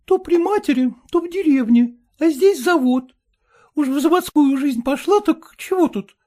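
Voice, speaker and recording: A man reading aloud, voicing a coy, lively young factory girl in a raised voice. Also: very high-pitched, moderate pace, voice pushed up. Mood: pleading.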